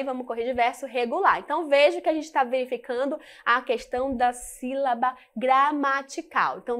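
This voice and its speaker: A woman teacher with a Brazilian accent giving a classroom lesson, patiently counting things out and checking in with her students through frequent tag questions. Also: sits high.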